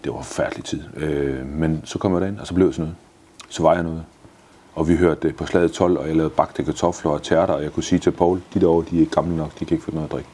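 A man's voice: extremely low pitch, fairly even intonation, mellow, slightly rough. A man in his fifties answering interview questions in a blunt, enthusiastic way, swearing freely. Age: 50s. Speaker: guest.

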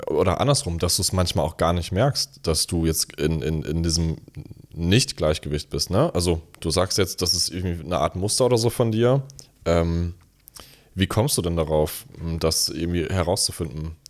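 A man's voice: sits low, normal speed. A man interviewing a guest, who rephrases and hesitates as he forms his questions.

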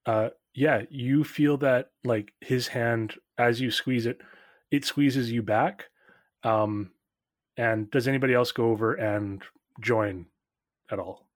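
A man's voice: mid-range voice, slow, no echo, clean studio sound. A man narrating as game master in a tabletop game, casual, with lots of fillers.

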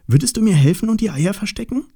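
A man voicing a small, weepy Easter bunny in a storybook, with a squeaky, sobbing and excitable manner. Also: normal speed, creaky, no echo, studio quality. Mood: hopeful. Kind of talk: storybook voice acting.

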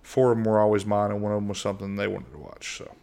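Fast and creaky, with a voice on the low side, this middle-aged man from the United States hosts a casual solo podcast. He rambles in a monotone, full of fillers and restarts.

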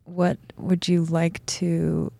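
A woman interviewer asking curious, gently encouraging questions in a casual interview. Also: fairly low pitch, monotone, slow, vocal fry, no room sound.

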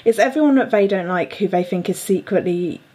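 A woman's voice: mid-range voice, brisk, warm tone, slightly rough. Young woman, podcast host, casual chat, laughs a lot, filler-heavy. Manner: laughs often, chatty with fillers.

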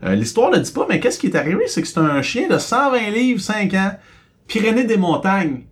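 A man with a Quebec French accent co-hosting a casual podcast, telling a story with rising questions and quick asides. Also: high-pitched, sing-song. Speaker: co-host.

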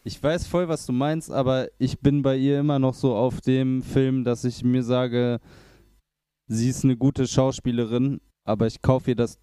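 A man's voice: medium pitch, flat delivery, measured pace, warm tone, clear, resonant tone, dry recording, clean studio sound. A man chatting casually about a rap song, with loose slang and frequent restarts. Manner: hesitant, restarts, colloquial youth slang. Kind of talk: casual music review chat.

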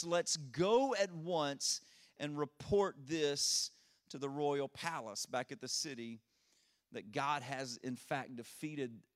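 A man preaching a sermon into a pulpit microphone, retelling a Bible story earnestly and often restarting his sentences. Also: on the high side. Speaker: pastor.

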